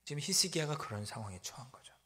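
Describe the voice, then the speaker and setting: A male pastor preaching a sermon, swinging from loud exclamations to hushed, whispered asides. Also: on the high side, lively intonation, quick pace. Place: church sanctuary. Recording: long church hall reverb.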